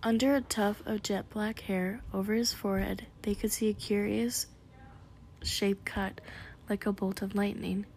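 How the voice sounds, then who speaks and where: A woman reads a storybook aloud in a gentle, hushed whisper. Her pitch sits in a middle range. A faint hiss of background noise runs underneath. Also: steady tone, a little slow. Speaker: storyteller reading a book aloud.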